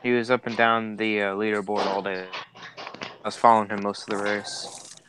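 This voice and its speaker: A man co-hosting an online racing show, making relaxed, low-key remarks over a voice call. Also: normal speed, background noise. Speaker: co-host. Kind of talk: casual call chat.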